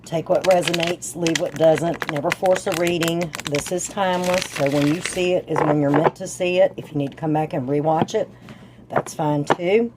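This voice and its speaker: A woman's voice: deep voice, fairly even intonation, normal speed, very noisy. A woman with a congested, sore-throat voice that breaks up here and there, chatting casually and folksily to viewers as she gives a tarot reading. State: sore throat with sinus drainage, voice slightly off and breaking up. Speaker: tarot reader and channel host.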